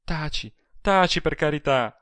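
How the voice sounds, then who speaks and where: Un uomo che fa una giovane donna spaventata. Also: male voice, fairly high pitch, very animated, slow pace, sharp tone, dry recording, voice pushed up, full character voice. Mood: anxious. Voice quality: pleading, anxious. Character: small frail frightened young woman. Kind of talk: audiobook reading.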